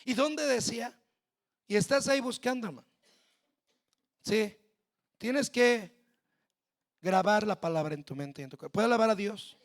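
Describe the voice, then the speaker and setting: A male pastor with a Mexican Spanish accent preaching a sermon, speaking straight to the congregation and building to shouted peaks. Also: sits high, normal speed, long pauses. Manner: preaching with shouted climaxes and direct address to the congregation.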